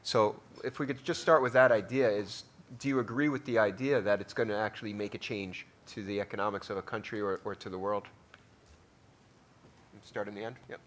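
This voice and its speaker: A man moderating a conference panel in a relaxed, conversational way. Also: on the low side, fairly quick, a little hiss or hum.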